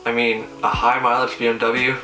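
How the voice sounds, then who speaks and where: A man's voice: medium pitch, flat delivery, moderate pace, sharp tone. A young man hosting a car video, delivering a casual scripted roast and review in a sarcastic, teasing manner. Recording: roomy echo, distant mic, faint music.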